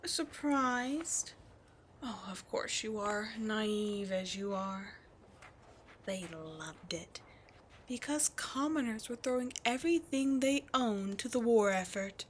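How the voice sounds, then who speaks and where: In an ASMR roleplay audio drama, a woman voices a scheming demon queen, sly and taunting, often drifting into whispers against faint background noise. Her medium-pitched voice is lightly acted and unhurried.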